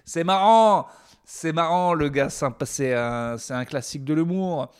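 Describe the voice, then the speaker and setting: Hoarse young man rambling comic monologue. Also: fairly high pitch, a little slow. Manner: rambling, crude and joking. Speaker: comedy vlogger. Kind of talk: comedic monologue.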